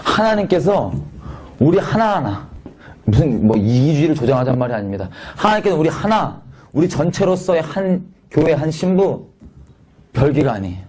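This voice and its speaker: A man from Korea preaching a sermon in a conversational, animated way, swinging from loud peaks to quiet asides. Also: mid-range voice, brisk, husky.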